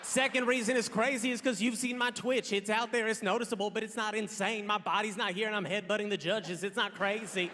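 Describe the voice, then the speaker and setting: Blunt, bright-voiced male comic in his thirties. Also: high voice, steady tone, fairly quick, few pauses, big-room sound. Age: 30s. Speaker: stand-up comedian. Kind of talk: stand-up comedy set. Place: large theater stage.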